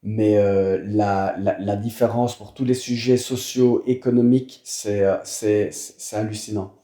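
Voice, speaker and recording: Un homme originaire de Wallonie avec un accent belge, invité d'une discussion détendue, qui parle avec beaucoup d'hésitations et de répétitions. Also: male voice, on the low side, steady tone, unhurried, warm tone, roomy sound. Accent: Belgian French. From Wallonia, Belgium. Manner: hesitant, many fillers and repeated words. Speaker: guest. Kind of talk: casual conversation.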